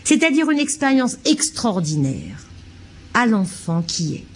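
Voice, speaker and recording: A woman's voice: a little high, very animated, a little slow, husky. A child psychiatrist giving a lecture to childcare staff, a woman who talks expressively and acts out short examples.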